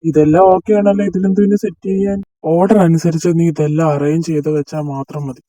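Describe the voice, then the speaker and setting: A man's voice: on the high side, steady tone, quick pace, mellow, no echo, natural voice, low-quality recording. A young man voicing a teasing male college senior who banters and mock-scolds his friends in an amateur dubbed romance drama. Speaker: fan dub voice actor.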